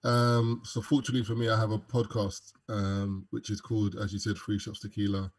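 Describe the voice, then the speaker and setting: A man's voice: lowish voice, flat delivery, brisk. A young man with a London accent, a podcast guest chatting casually and joking with plenty of fillers. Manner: laid-back, joking, lots of fillers. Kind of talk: casual interview chat.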